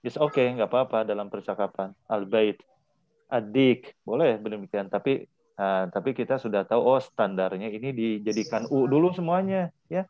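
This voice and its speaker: A man's voice: fairly low pitch, animated, a little fast, no room sound, dull audio. A man teaching Arabic in an online class, patiently repeating words for his students to drill.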